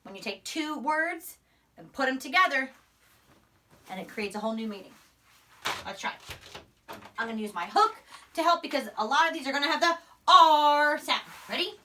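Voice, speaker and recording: With a high, animated voice at normal speed, a young primary school teacher runs a phonics lesson for young children, emphatically sounding out words and letters with long pauses. Her tone is bright and forceful. She's at a whiteboard in a small indoor room, captured distantly by a camera mic a few steps away.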